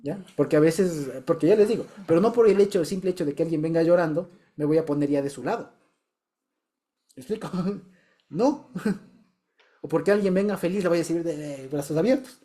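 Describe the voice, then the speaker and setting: A man's voice: on the high side, brisk, long pauses, mellow. A man sharing a personal testimony in a small Bible study group, chatty and repeating himself, often checking that listeners follow.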